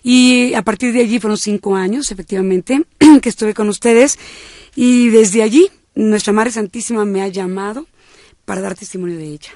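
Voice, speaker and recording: A woman's voice: medium pitch, normal speed, dark tone, dry recording, clean studio sound. A woman with a Mexican accent, a singer and speaker, talking fervently on a radio talk show. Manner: fervent, flowing religious speech. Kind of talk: devout talk show conversation.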